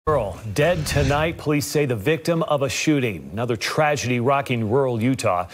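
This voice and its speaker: A man's voice: mid-range voice, moderate pace. Man anchoring a tv newscast. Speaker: news anchor. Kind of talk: scripted news intro.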